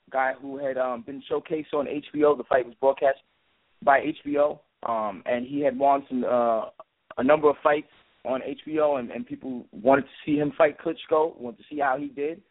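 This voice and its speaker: A man giving conversational sports analysis as a boxing pundit, in a halting delivery full of filler words. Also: on the high side. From Brooklyn, New York. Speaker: guest boxing writer and analyst. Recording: tinny phone-like line.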